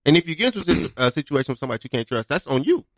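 A man's voice: medium pitch, very animated, racing, dry recording. A man co-hosting a casual podcast chat, laid-back and teasing, asking the questions.

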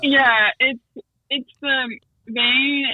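A woman's voice: high voice, steady tone, very slow, highs cut off. A woman calling in to a podcast, telling a story casually and with animation, swearing and acting out what other people said. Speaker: caller.

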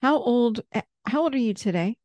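A woman therapist gently guiding someone through a parts-work session with patient, step-by-step prompts. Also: a little high, lively intonation, moderate pace, dry recording, highs cut off.

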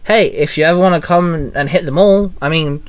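A man's voice: fairly high pitch, fairly quick, smooth, no echo, natural voice. A man voicing a playful, teasing young woman in a fan fiction reading. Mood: friendly. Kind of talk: fan fiction read aloud.

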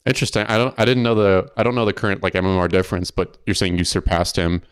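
Deep, smooth-voiced man, dry sound. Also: quick pace, dry recording. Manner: relaxed, curious, asks follow-ups. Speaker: podcast host. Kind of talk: casual interview chat.

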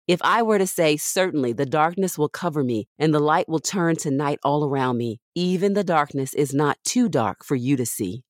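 A woman with a low-pitched voice reads scripture aloud for a devotional podcast in a scripted Bible reading. The recording is dry and close, with very little room sound around her.

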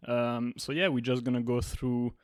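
A man co-hosts a chatty podcast. His voice sits at a middle pitch and sounds close and dry, and he hesitates often with ums and uhs as he asks questions. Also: flat delivery, moderate pace, smooth, dry recording. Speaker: podcast co-host. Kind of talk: casual interview conversation.

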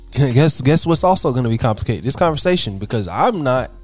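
A man's voice: fairly quick, soft background music. A man hosting a podcast, telling a personal story in a casual monologue. He speaks bluntly, curses often and acts out both sides of his phone calls in his own voice. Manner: animated, swings between loud and low, quotes people in his own voice; blunt and profane, lots of fillers. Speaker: podcast host.

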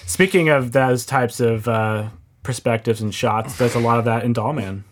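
A man's voice: mid-range voice, normal speed. Chatty man in his forties. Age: 40s. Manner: agreeable, chatty. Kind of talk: casual chat.

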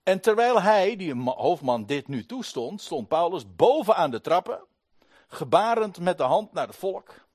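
A man's voice: high-pitched, very animated, a little slow, a little mellow, breathy edge, no room sound, clean studio sound. A man giving a Bible study sermon to a congregation, retelling scripture emphatically with many restarts and asides. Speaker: Bible teacher.

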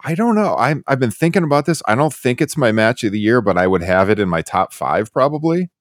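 A man's voice: medium pitch, sing-song, fairly quick, no echo, studio quality. A man from the Chicago area hosting a podcast, chatting in an easygoing, self-deprecating way. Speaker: podcast host. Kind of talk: casual podcast review chat.

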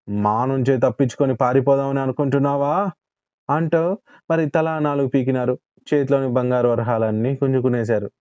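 A man calmly narrating a folk tale. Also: mid-range voice, no echo, dull audio. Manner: calm, unhurried storytelling. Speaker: storyteller.

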